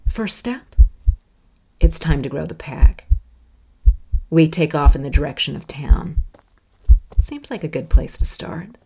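A woman's voice: sits low, expressive, unhurried, pauses often, dark tone, slight background noise. A teen werewolf girl. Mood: vengeful. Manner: intense, swearing, breathless dread. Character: teenage girl turning into a raging werewolf. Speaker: lead character narrating in first person. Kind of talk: horror audio drama narration.

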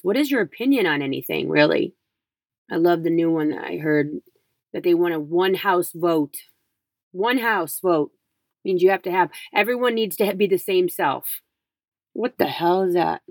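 A woman's voice: lowish voice, darkish tone, no room sound, studio quality. A middle-aged woman hosting a podcast, speaking in an emphatic, conversational motivational style with repetition and rhetorical questions. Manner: emphatic, repeats phrases for effect, rhetorical questions. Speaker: podcast host.

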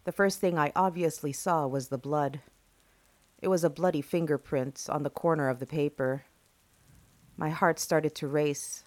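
A woman with a notably low voice narrates a first-person horror tale. Her delivery is slow and hushed, and it leans into suspense. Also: fairly even intonation, no echo.

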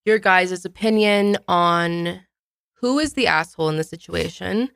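A woman's voice: fairly low pitch, measured pace, creaky, fairly bright tone, dry recording, studio quality. Chatty young woman telling a story. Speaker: podcast co-host. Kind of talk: casual storytelling.

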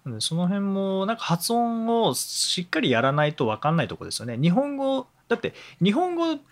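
Relaxed man, lively chatty podcast host. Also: high-pitched, fairly quick. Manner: relaxed, agreeable, many fillers. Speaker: podcast co-host, English teacher. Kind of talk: casual podcast chat about English pronunciation.

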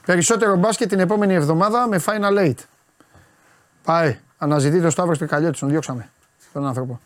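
A man co-hosting a show, bantering casually and hammering his points home by repeating words over and over. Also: on the high side. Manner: emphatic, repeats words for insistence. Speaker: radio co-host.

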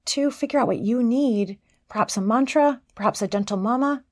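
A middle-aged woman hosting a motivational podcast as a life coach, earnest and encouraging, sometimes bursting with excitement. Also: fairly high pitch, moderate pace, no room sound, clean studio sound. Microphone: podcast microphone.

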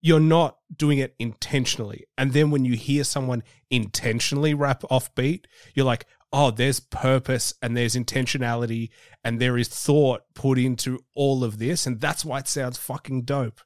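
Male podcast host, mid pitch, easygoing and blunt, dry studio sound. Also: steady tone, normal speed, no room sound. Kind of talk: casual podcast interview.

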